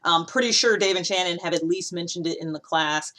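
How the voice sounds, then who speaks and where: A chatty, animated woman with a lowish voice explains things a little fast, talking casually to camera. She hosts a personality-typing video series, and her conversational delivery is emphatic and full of asides.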